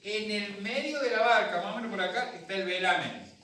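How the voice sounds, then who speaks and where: Argentine man preaching, high bright voice, booming church echo, distant mic. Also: expressive, brisk. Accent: Argentine Spanish. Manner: storytelling, acts out voices, talks with the congregation. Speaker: pastor. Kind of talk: sermon. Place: church hall. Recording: echoey hall from a distant mic.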